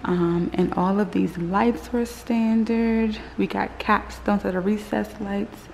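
Recording on a phone at arm's length, this vlogger in her thirties rambles through a casual chat full of fillers, first in a parked car and then in an unfinished house. Her mid-range voice is steady, slow and a little mellow, with vocal fry. Slight background noise can be heard.

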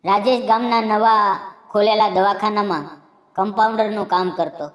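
A woman narrating a heartfelt first-person storybook tale in a soft manner. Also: mid-range voice, steady tone, normal speed. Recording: echoey room, long reverb.

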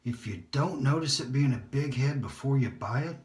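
Mid-range and lively in intonation, this man talks at normal speed as he shaves for his vlog. He rambles and jokes at his own expense, dropping to whispers now and then, recorded roomily at home on a phone or camera mounted on a holder.

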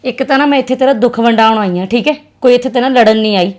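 A young woman with a Punjabi accent acting a sharp, scolding sister in a drama. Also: on the high side. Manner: scolding and fast-talking. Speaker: actress playing a sister.

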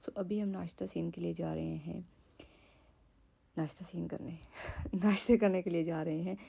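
Low, gravelly-voiced woman vlogging. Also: steady tone, moderate pace, dark tone. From Pakistan. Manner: chatty and confiding, mixing in English words. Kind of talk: casual travel vlog to camera. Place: hotel apartment room, indoors. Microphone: phone camera set at a distance.

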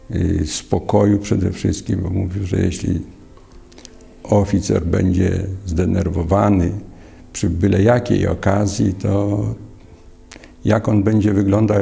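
An older man calmly recalling his former teacher in a documentary interview. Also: deep voice, gravelly.

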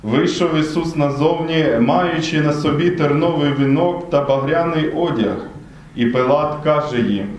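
A man's voice: on the high side, normal speed, slight background noise. Man narrating the Passion in echoing church. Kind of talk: liturgical Passion reading. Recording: very echoey church room.

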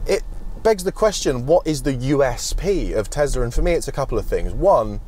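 A young man with a British English accent presents a car review to camera, chatty, wry and opinionated as he drives, and later standing outdoors at a charger. His medium-pitched voice is a little mellow with lively intonation and a moderate pace, with a little hiss or hum in the audio.

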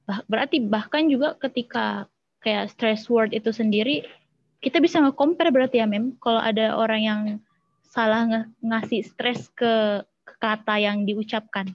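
A woman's voice: on the high side, dry recording. Polite young-sounding woman student, dull dry recording. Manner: polite, addresses the lecturer as ma'am. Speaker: student asking questions. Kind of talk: casual questioning.

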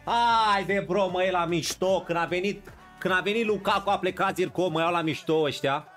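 A man's voice: sits high, a bit bright, soft background music. A man streaming a football video game live, bantering with his chat and playing up mock outrage. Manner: banters and greets viewers in chat.

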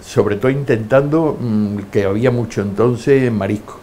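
A man's voice: medium pitch, normal speed, slight background noise. An older man in an interview, telling his life stories and acting out the voices of people in them. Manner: lively anecdotes, acting out quoted voices. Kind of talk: storytelling interview.

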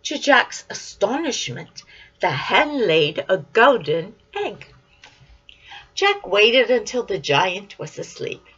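An older woman reading a children's storybook aloud, animated, dropping into whispered asides, recorded with a dull lo-fi sound. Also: mid-range voice, slow pace, breathy edge.

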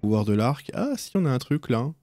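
A man's voice: mid-range voice, very animated, fairly quick, mellow, no echo. A man hosting a gaming video, commenting casually and thinking aloud as he plays. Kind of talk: casual let's play commentary.

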